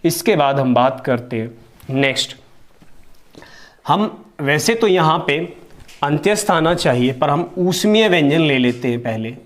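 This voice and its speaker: A man teaches a grammar lesson in a patient, explanatory way, often repeating key terms. He slows down to stretch and repeat single syllables as examples. His voice sits a little high for a man. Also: lively intonation. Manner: slow, repeated demonstration of sounds, stretching syllables. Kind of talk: Hindi grammar lesson on places of articulation.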